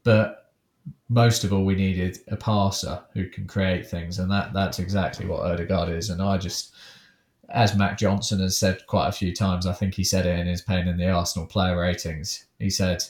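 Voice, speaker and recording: A man's voice: low voice, little pitch movement, normal speed, darkish tone, roomy sound. A man co-hosting a podcast, enthusiastic but hesitant, with lots of fillers. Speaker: podcast co-host. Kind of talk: casual podcast chat.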